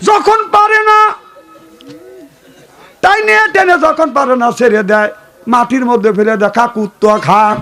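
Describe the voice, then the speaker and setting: A man from Bangladesh preaching a waz sermon, telling a story in a sing-song style with sudden high exclamations and calls for the crowd to respond. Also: fairly even intonation, a little slow, long pauses, sharp tone.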